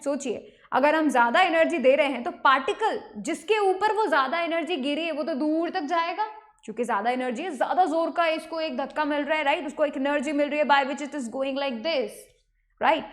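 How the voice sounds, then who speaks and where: A young woman with an Indian accent giving an online science lecture, mixing Hindi and English and often checking in with her students. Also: high-pitched. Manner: mixes Hindi and English, checks in with "ठीक है?" and "right?". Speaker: teacher.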